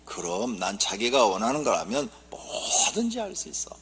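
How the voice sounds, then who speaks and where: A pastor voicing a gentle, doting husband from Seoul who answers softly. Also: male voice, fairly low pitch, huge pitch swings, moderate pace, husky, full character voice. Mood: tender. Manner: soft and tender. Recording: long church reverb.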